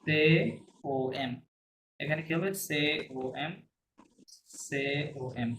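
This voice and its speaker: A man's voice: a little high, slow pace, sharp tone. A man teaching a language class, patiently repeating words for his students to copy. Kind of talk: classroom lesson. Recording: echoey room, faint hiss.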